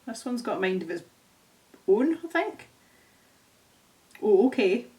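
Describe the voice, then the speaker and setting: A young Scottish woman who hosts an art channel chats casually while painting, her mid-range voice warm, sing-song and unhurried. She thinks aloud and pokes fun at herself as she works.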